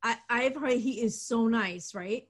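A woman's voice: a little high, a little slow. A woman co-hosting a casual chat, talking easily with plenty of "um" fillers. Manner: relaxed, many "um" fillers, laughs along.

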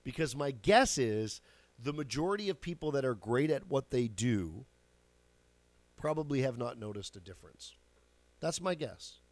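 A man's voice: mid-range voice, lively intonation, moderate pace, no echo. A man in his forties hosting a show, telling stories in a chatty, casual way, swearing now and then and laughing at his own jokes. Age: 40s. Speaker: radio show host. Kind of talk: casual storytelling monologue.

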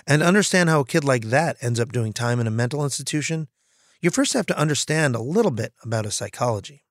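A man hosting a podcast, reading measured, scripted narration. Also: mid-range voice, expressive, no echo. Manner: measured, storytelling. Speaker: podcast host.

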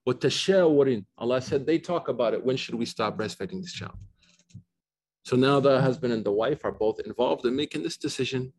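A middle-aged non-native Arabic speaker with a mid-range, darkish voice talks through Islamic rulings in an informal lecture. His style is conversational, marked by frequent restarts and asides.

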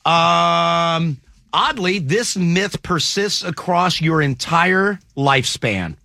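A man's voice: fairly high pitch, expressive, slow, creaky, sharp tone, no echo, studio quality. A man hosting a casual panel chat, reading out statements and quizzing the panel playfully. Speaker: host.

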